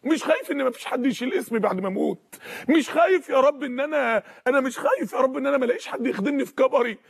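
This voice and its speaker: A preacher voicing an aged prophet pleading. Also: male voice, very high voice, rapid-fire, creaky, breathy edge, full character voice. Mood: fearful. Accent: Egyptian Arabic. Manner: pleading, repetitive, tearful cries. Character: aged male prophet pleading to God for a son.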